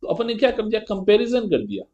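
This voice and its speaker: A man's voice: high-pitched, sing-song, a little mellow, lo-fi sound. Man teaching grammar with a lilt. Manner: explains step by step and keeps checking with a rhetorical "है ना"; reads English example sentences slowly and carefully. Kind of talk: exam-prep grammar lesson.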